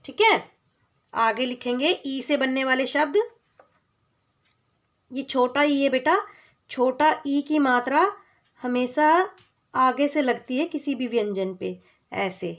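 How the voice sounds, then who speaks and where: A woman gives a children's lesson on vowel signs in a fairly high voice. She moves slowly and patiently. She asks a question, answers it herself, and warmly calls the child "beta". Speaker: teacher. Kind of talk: slow children's Hindi lesson.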